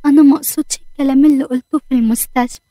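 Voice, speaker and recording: A woman's voice: high-pitched, steady tone, rapid-fire, dark tone, no room sound, lightly acted. Woman doing repentant older father, Egyptian accent, apologetic, tender, dry recording. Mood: remorseful.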